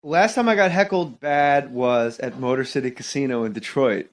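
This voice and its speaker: A male comedian telling a rambling heckler story in animated, casual chat. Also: medium pitch, moderate pace. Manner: animated, rambling anecdote teller.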